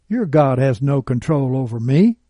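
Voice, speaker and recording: A bitter, arrogant woman who calls herself a witch, read aloud by a man. She speaks with contempt in a slow, husky, very dark voice. The recording is close and dry. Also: mid-range voice, animated, dry recording. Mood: scornful. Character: scornful bitter woman, a self-declared witch.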